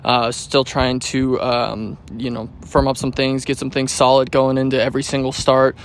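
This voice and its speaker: A twenty-something American baseball pitcher answers pregame interview questions, relaxed and rambling, with lots of fillers and restarts. He talks at a moderate pace, and there's a little hiss or hum on the recording.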